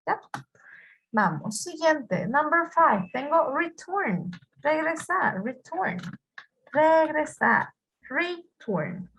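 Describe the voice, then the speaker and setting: A woman's voice: sits high, sing-song, extremely slow, a bit bright. A woman with an Ecuadorian Spanish accent teaching English grammar to a class, patiently repeating words and asking her students questions. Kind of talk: online class explaining grammar.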